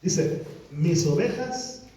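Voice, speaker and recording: A man's voice: on the high side, animated, very slow, mellow. Preaching man in an echoey church. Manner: preaching with rising emphatic repetitions. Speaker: pastor. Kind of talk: sermon. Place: church hall. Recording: echoey church hall from far off.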